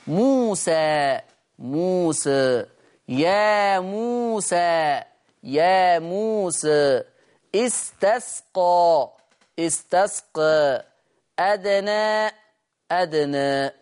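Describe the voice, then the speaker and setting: Man, egyptian accent, recitation teacher, recorded lesson, slow drawn-out demonstrations. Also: high-pitched. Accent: Egyptian Arabic.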